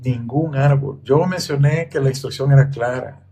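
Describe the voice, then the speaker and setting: Guy explaining bible verses, kinda gravelly and warm, takes his time. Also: mid-range voice, normal speed. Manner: patient, methodical teaching tone. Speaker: Bible teacher on a podcast. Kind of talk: explanatory Bible study talk.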